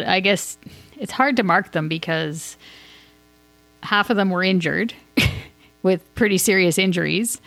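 Gravelly low-voiced woman on a sports podcast. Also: fairly bright tone, dry recording. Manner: rambling, thinks aloud. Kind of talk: casual hockey commentary.

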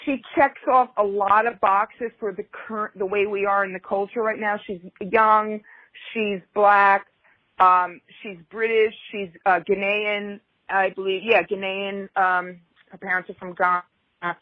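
A woman's voice: medium pitch, fairly even intonation, a little slow, dry recording. A woman co-host talks in loose, rambling chat, with wry asides about herself. Her voice comes through a thin, phone-like line. The sound is dry, with no room around it. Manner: chatty, rambling, self-mocking asides. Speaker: podcast co-host. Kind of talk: casual chat.

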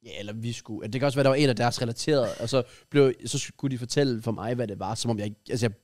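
Young Danish man, casual podcast co-host, animated storyteller; dry, close sound. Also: medium pitch, no echo. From Denmark. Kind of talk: casual chat.

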